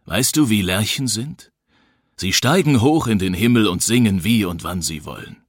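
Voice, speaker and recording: A man voicing a weary, stubborn western loner in an audiobook, calm and blunt. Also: on the low side, moderate pace, no room sound, clean studio sound. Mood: wistful.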